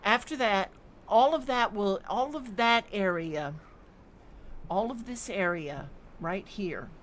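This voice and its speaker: Woman streamer, slow unhurried delivery, mid-pitched, musing aloud over gameplay with hums and ums. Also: animated, slight background noise. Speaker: game streamer. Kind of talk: live gameplay commentary.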